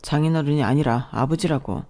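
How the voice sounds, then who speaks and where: A woman voicing a kind, soft-spoken young husband who apologizes and reassures his wife. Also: low voice, fairly quick. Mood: reassuring.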